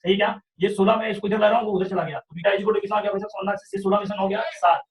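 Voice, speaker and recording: High-voiced maths teacher, echoey room. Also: male voice, little pitch movement, racing, far from the mic, crowd noise. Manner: explains step by step, often asks "sahi hai kya?". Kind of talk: online revision class lecture.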